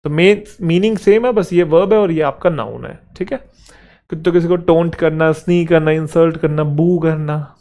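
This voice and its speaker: A man teaching English vocabulary in Hindi for exam preparation, chatty and joking, reading English example sentences slowly and checking in with students. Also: a little high, a little mellow. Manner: chatty, jokes with students, keeps asking "theek hai?". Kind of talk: exam-prep vocabulary lesson.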